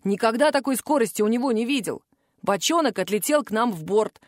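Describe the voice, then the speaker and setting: A woman voicing a rough male pirate sailor who talks in an offhand, boastful way. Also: fairly high pitch, lively intonation, brisk, no room sound, studio quality.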